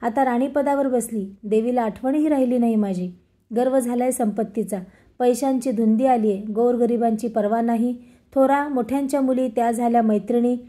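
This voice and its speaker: A woman's voice: on the high side, steady tone, normal speed, warm tone, lightly acted. A woman voicing a bitter old beggar woman. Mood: bitter scolding. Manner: scolding, bitter. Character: angry old beggar woman, a goddess in disguise.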